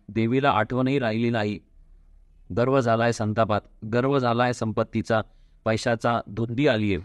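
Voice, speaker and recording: A man's voice: medium pitch, dry recording, lightly acted. A man voicing a poor old woman, a goddess in disguise, who speaks sternly and reproachfully.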